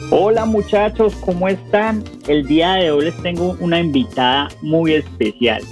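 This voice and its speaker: This Colombian podcast host has a somewhat high voice and a moderate pace, with music playing underneath. He chats informally in a casual interview, asking friendly questions, and the recording sounds dull, dry and lo-fi.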